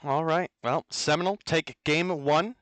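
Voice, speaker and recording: A man casting an online esports tournament from home, with an energetic, blunt and opinionated way of talking. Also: on the high side, normal speed, dry recording. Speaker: esports caster. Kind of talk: play-by-play commentary. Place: at home, remote over the internet.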